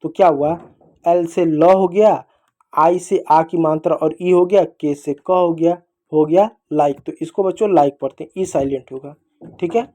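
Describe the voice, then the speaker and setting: A man's voice: fairly high pitch, normal speed, warm tone. A man with a Hindi accent teaching children to read English phonics, patient, repeating rules and asking questions back. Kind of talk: phonics lesson.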